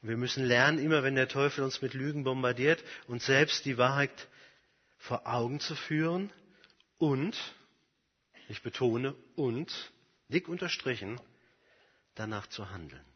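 A man preaching a sermon, earnest and emphatic, dropping at times to a soft, quiet voice. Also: mid-range voice, normal speed, slightly rough. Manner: earnest, emphatic, personal examples, swings from loud to very soft. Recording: long hall reverb, dull lo-fi sound.

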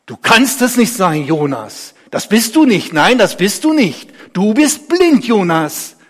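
A man's voice: medium pitch, lively intonation, extremely slow, a bit bright, husky, heavily acted. A man voicing a stern old male neighbor who refuses to believe what he hears. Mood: disbelieving. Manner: disbelieving, insistent. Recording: echoey hall.

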